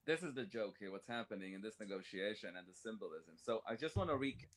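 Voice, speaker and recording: A man's voice: on the low side, expressive, quick pace. Chatty man explaining a Torah passage. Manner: chatty, explains step by step with jokes and examples; reads Hebrew commentary aloud and translates it. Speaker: Torah class host. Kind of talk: casual Torah study chat.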